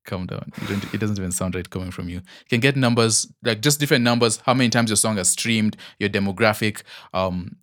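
This podcast co-host is a young man with a fairly low, slightly bright voice, chatting loosely and casually. He rambles, backtracks, laughs easily, and fills pauses with ums and restarts. The recording is close and dry, with no echo or room sound.

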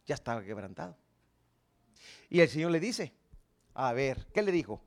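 A man's voice: medium pitch, very animated, moderate pace. A man preaching a sermon, telling the story dramatically and asking the congregation questions. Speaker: pastor.

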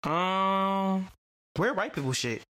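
A woman's voice: mid-range voice, expressive, slow, a bit bright. A woman co-hosting a podcast in casual chat, blunt and profane, full of fillers. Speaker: podcast co-host.

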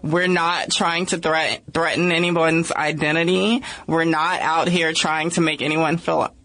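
Woman, podcast guest, unhurried and crisp-toned, earnest and measured. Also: low voice, steady tone, fairly bright tone. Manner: measured, earnest, often ending points with "right?". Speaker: podcast guest, activist and writer. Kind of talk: casual podcast discussion.

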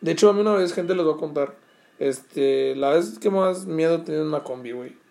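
A man's voice: fairly high pitch, brisk, creaky, a little mellow. A young man with a Mexican accent, telling a story to his viewers in casual, slangy talk full of swearing and fillers. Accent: Mexican Spanish. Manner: slangy, swearing, restless retelling with many fillers. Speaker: vlogger.

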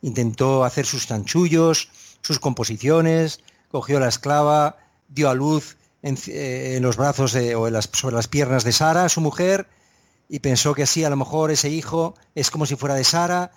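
A man's voice: medium pitch, moderate pace. Hesitant, reflective man on faith. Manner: thoughtful, hesitant with many fillers and restarts. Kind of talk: reflective conversational preaching.

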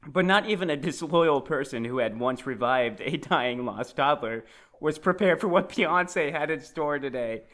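A man's voice: a little high, lively intonation, normal speed, fairly bright tone. A man co-hosting a comedy podcast, reading a nonsense story aloud and laughing often. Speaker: podcast co-host.

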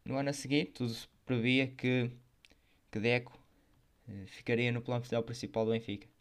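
A man with a European Portuguese accent hosting and narrating football biography in a semi-scripted, measured way. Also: mid-range voice, fairly even intonation. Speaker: host of a football history programme.

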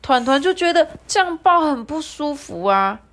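A woman reading a children's picture story aloud in a gentle, sing-song way, voicing the characters now and then. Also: high-pitched, big pitch swings, normal speed.

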